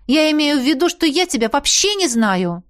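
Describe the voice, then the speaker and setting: A woman voicing a fiery young heroine who is quick to anger, talking sharply and sarcastically. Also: sits high, sing-song, voice pushed up. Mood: exasperated.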